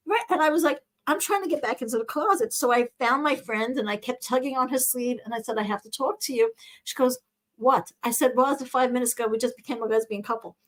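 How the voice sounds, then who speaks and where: Woman host w/ a high voice, animated comedic storytelling, plays out the people she quotes. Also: quick pace, rough recording.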